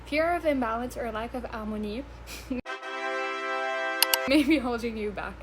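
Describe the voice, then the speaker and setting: Loud music plays behind this vlogger as she talks slowly in a fairly high voice. In her early twenties and using English as her third language, she chats in a rambling way, giggling, cursing, and tripping over her words.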